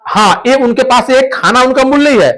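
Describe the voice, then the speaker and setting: A man's voice: very high-pitched, moderate pace, fairly bright tone. A male teacher giving a classroom lecture, explaining points through stories and repeating the key terms.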